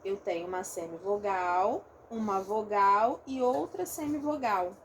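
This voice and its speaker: A woman's voice: medium pitch, measured pace, slight background noise. A woman with a Rio de Janeiro accent, a phonetics teacher explaining a lesson step by step and often checking in with her students. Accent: Rio de Janeiro Portuguese. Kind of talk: recorded online lesson.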